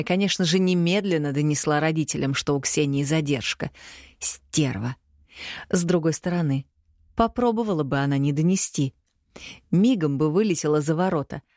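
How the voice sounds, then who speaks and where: A woman narrating an audiobook in an even storytelling manner. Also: sits low, no echo, clean studio sound. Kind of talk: audiobook reading.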